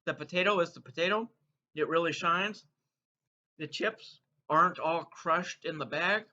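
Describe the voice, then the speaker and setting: A man's voice: fairly high pitch, a little slow, pushed and bright. A man hosting a casual taste-test vlog, playfully announcing his verdicts while munching crunchy chips between remarks. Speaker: food taste-test reviewer and host. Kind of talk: casual snack review vlog to viewers. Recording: dull, muffled lo-fi sound.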